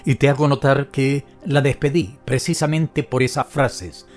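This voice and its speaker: A male narrator voicing a meek, calm husband who speaks quietly and apologetically in an audiobook. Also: medium pitch, measured pace, faint music behind, close to an everyday voice. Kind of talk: audiobook character reading.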